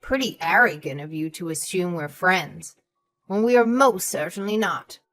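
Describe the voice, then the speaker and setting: Faint music plays behind a woman whose voice is on the low side, with lively intonation and a moderate pace. She's portraying a haughty, suspicious old mother-in-law in a scripted audio story, talking down to others with cutting remarks and calling them "sweetheart" and "darling."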